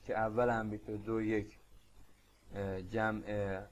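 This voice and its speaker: Man, Persian accent, teacher voice, patient explanations, repeats phrases slowly. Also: lowish voice, level tone, a little hiss or hum. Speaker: Spanish teacher. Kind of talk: explaining a language lesson.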